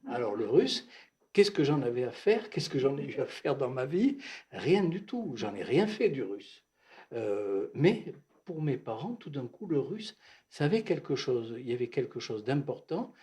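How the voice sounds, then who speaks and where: An older man from Algeria, a psychoanalyst, telling his memories at a bookshop talk in a halting, reflective way, often repeating words. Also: mid-range voice, sing-song, dark tone. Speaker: psychoanalyst, guest speaker. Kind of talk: reminiscing talk at a bookshop event.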